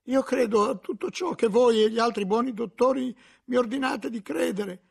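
A frightened, stammering monk, as a male reader puts him on, answering timidly in a raised, husky voice. His words come slowly and nervously in this dramatic audiobook reading. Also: very high voice, voice pushed up, full character voice. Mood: fearful. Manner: stammering, fearful, quiet.

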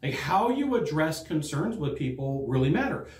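A middle-aged man teaching sales to camera in a studio, talking in a lively, conversational way and acting out what customers say. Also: fairly high pitch, moderate pace, roomy sound. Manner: animated, conversational, acts out customer quotes. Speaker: sales trainer. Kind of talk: direct-to-camera training talk. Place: studio in front of a green screen. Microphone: fixed camera, standing at a desk.

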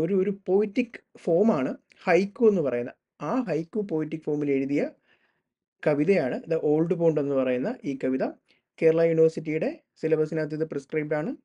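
A man's voice: high voice, warm tone. Malayali man giving a chatty lecture. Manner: chatty, mixes in read-aloud textbook phrases. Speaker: literature lecturer. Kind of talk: informal lecture explanation.

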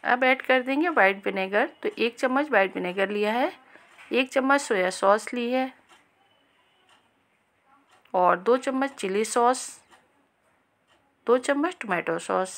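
A woman hosting a cooking channel, giving a calm, step-by-step recipe voice-over and speaking directly to viewers. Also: a little high, slow, long pauses.

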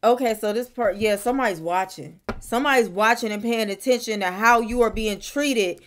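Young woman tarot reader, slightly high voice, thinks aloud and repeats lines, bedroom to camera. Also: brisk, fairly bright tone. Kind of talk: casual tarot reading to camera. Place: bedroom, indoors.

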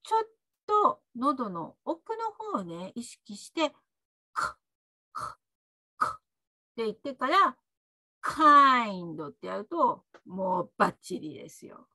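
A woman teaching pronunciation in a bright, animated voice that swoops up and down. She talks at an unhurried pace with chatty asides and stretches out each model word for the learner to repeat. The recording is close and dry, with faint music underneath. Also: on the high side, no room sound. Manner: slow, drawn-out model words for the learner to repeat; chatty, adds little "ne" tags while explaining. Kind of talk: pronunciation lesson with repeat-after-me drills.

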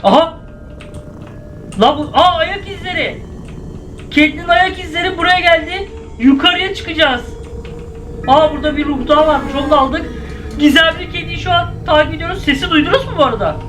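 A man giving excitable gameplay commentary, often breaking into shouted exclamations. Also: very high voice, brisk, long pauses, music in the background. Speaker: gaming YouTuber.

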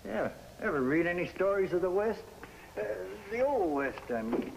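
A shrewd old lighthouse keeper in a vintage television drama, folksy and probing, drawing his words out with hesitant pauses. His voice sits somewhat high, and a faint hiss runs under the old recording. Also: big pitch swings, low-quality recording. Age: older. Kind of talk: 1950s television drama acting.

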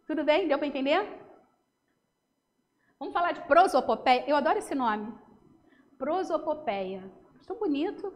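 High-pitched brazilian teacher lady, chatty and lively, lots of "né?", room reverb behind her. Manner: lively, chatty, asks "né?" often. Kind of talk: recorded classroom lesson. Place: home.

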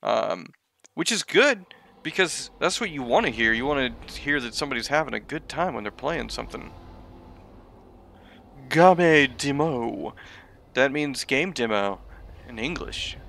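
A man's voice: mid-range voice, animated, normal speed, creaky, pushed and bright, slight background noise. A man giving casual gameplay commentary in a musing, wryly jokey way. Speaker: gaming video commentator.

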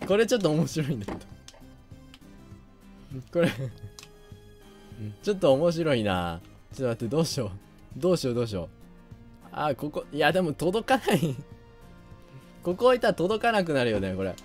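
A man's voice: a little high, big pitch swings, a little fast, pauses often, soft background music. A young man giving casual game commentary, thinking aloud and often hesitating. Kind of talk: casual let's play commentary.

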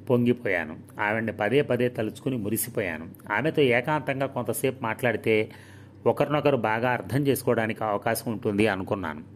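A man's voice: fairly low pitch, slight background noise, close to an everyday voice. A man reading as an earnest young doctor. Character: earnest young male doctor wooing a woman.

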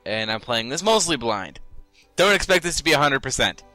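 A man's voice: medium pitch, very animated, pushed and bright, soft background music. A young man joking playfully while casually commenting on a video game he plays. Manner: joking, playful, quick asides. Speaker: let's play co-host.

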